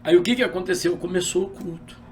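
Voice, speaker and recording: A middle-aged male pastor from Rio de Janeiro, with a carioca Brazilian Portuguese accent, shares his personal testimony in an interview, telling it animatedly and acting out the dialogue. His voice is high-pitched and fast, picked up far from the mic with slight background noise.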